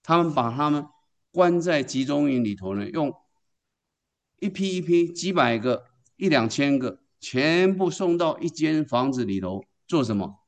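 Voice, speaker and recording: A man's voice: fairly high pitch, expressive, a little slow. A man preaching a sermon. He tells the story emphatically and keeps asking the congregation questions, then answering them himself.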